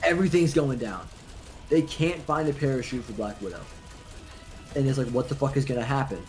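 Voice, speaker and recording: A young man in casual chat during a gaming stream, ranting in an animated, worked-up way. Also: medium pitch, a little fast.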